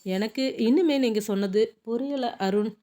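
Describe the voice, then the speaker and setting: A woman's voice: on the high side, unhurried, dark tone, lightly acted. A woman reading the lines of a shy, earnest young actress who is new to films, in a Tamil audiobook. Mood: puzzled. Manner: puzzled, earnest.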